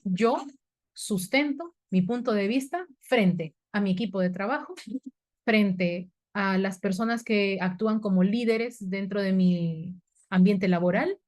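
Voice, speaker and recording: A woman's voice: mid-range voice, unhurried, darkish tone. A woman teaching a university writing class in an online webinar, explaining step by step and asking her students questions. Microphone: webinar computer mic.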